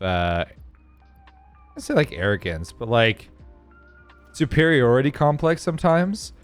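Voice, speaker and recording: A man chatting casually with his viewers during a live game stream, rambling and thinking aloud as he plays. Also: lowish voice. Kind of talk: casual live-stream chat while gaming.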